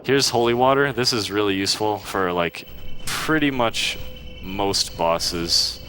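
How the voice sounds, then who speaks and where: Low-voiced man explaining a speedrun. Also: a little slow, faint music behind. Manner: relaxed explaining while playing, with small restarts. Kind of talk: live gameplay commentary. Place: live charity marathon event.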